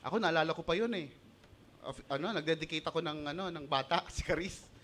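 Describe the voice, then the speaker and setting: Speaking fairly quickly, a Filipino-accented pastor delivers a lively sermon in a bright, high, forceful and clear voice, switching between Tagalog and English and performing the voices he quotes.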